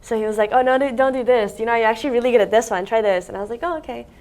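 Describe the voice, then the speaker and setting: A woman's voice: fairly high pitch, very fast, darkish tone. A young woman from Russia, a content creator, chatting casually as a guest in an office interview, with lots of "like" fillers. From Siberia, Russia. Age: young adult. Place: office meeting room by large windows.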